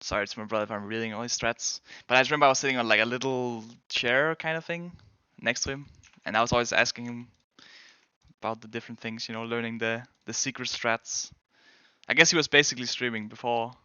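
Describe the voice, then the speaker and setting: Answering his viewers' questions, this young man from Denmark, a pro player who streams games, rambles, hedges and corrects himself in a Danish accent. He talks fast at medium pitch with a steady, pushed, bright yet clean tone; the recording is dry with highs cut off.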